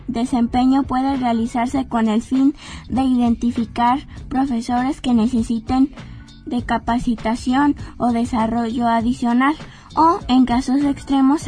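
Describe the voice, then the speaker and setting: A woman reporter reading a scripted news report in a steady delivery. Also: high-pitched. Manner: steady, read-aloud delivery.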